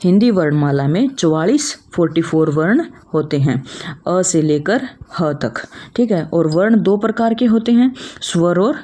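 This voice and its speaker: A young woman teaches an online class in a low, mellow voice. She works through the material step by step, asking a question and then answering it. She calls her students children. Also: lively intonation, moderate pace, hardly any pauses. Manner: explains step by step, asks and answers own questions.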